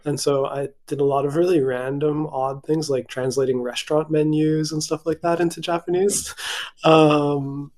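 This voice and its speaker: On a video call during a casual virtual event, a young man from Hawaii, a literary translator whose first language is English, talks hesitantly, restarting often and leaning on fillers. His voice is mellow and somewhat high.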